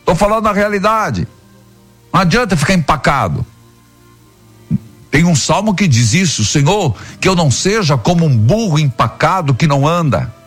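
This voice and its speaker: Husky priest preaching on radio. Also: male voice, a little high, animated, normal speed, soft background music. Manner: fervent, scolding exhortations.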